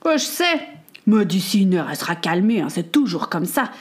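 A woman reading a storybook voices a cheeky, carefree young boy with a lively, casual manner. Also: mid-range voice, fairly quick, natural voice.

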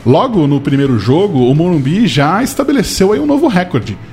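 Lively Brazilian male podcast host, highish voice. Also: brisk, soft background music. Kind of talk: conversational football history narration.

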